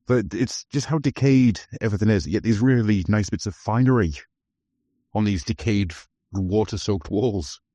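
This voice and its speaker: Male podcast host, warm low voice, casual film chat, dry mic. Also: normal speed, no room sound. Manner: enthusiastic, talks over film scenes.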